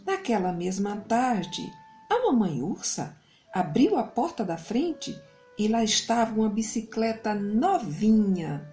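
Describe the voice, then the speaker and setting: A woman with a Brazilian accent works as a kids show host and storyteller. Her delivery is lively and swooping, sing-song and pitched for small children, with music playing along. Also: slow.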